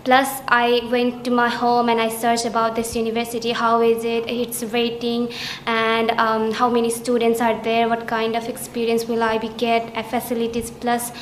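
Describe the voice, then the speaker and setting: A young woman student from Nepal speaks in a slightly high, extremely even monotone, pausing often with fillers as she answers interview questions. The small indoor room adds a roomy echo, with faint ambient noise underneath. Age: young adult. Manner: hesitant, many fillers, flat steady delivery. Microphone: camera at chest framing.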